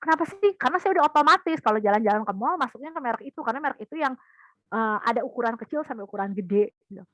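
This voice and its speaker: A woman's voice: fairly high pitch, racing, no echo, low-quality recording. A woman giving a parenting talk in an online seminar, telling stories with energy and speaking straight to the parents. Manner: lively storytelling, addressing parents directly.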